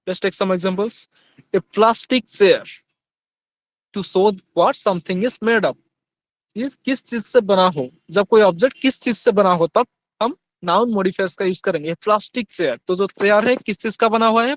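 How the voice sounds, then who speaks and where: A man teaching grammar in Hindi, reading examples slowly and then asking his students quick questions. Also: sits high, a bit bright, no echo. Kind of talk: Hindi-English grammar lesson.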